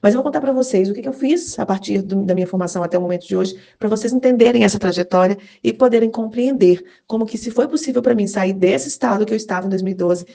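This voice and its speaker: Fast-talking woman teaching. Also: medium pitch, gravelly, warm tone. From Minas Gerais, Brazil. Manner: chatty and encouraging, with frequent tag questions to the class. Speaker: workshop instructor and cultural producer. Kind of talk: live online class. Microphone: video call.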